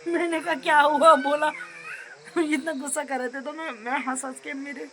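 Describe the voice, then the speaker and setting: A woman's voice: sits high, fairly even intonation, moderate pace, a bit bright, slight background noise, low-quality recording. A young woman, vlogging her daily routine at home in a chatty way and often laughing as she talks. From hill region of north India. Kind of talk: casual daily-routine vlog. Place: at home, indoors and outside in the sun.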